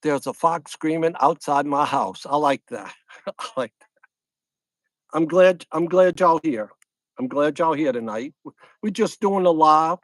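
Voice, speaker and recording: Speaking with a fairly high pitch and lively intonation, a middle-aged Louisiana man hosts a casual outdoor fishing livestream at a lakeside camp. He keeps a measured pace and pauses often, with no echo. He rambles, repeats himself, and says hello to viewers one by one as the channel's host.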